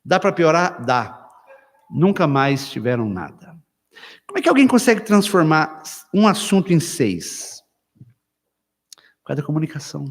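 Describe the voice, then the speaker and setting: A man with a high voice preaches a lively sermon and acts out household quarrels with humor. The long reverb of the church hall carries every phrase out into the room. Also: normal speed, pauses often.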